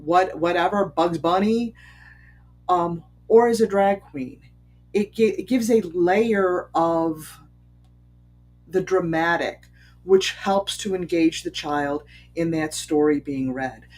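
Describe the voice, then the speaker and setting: A commentator talks through the topic off the cuff at a middling pitch, posing one rhetorical question after another. Phrases often restart, with plenty of ums along the way. A faint hum sits under the voice. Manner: conversational, asks many rhetorical questions. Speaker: commentator on bias. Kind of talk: unscripted spoken commentary. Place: Chicago area.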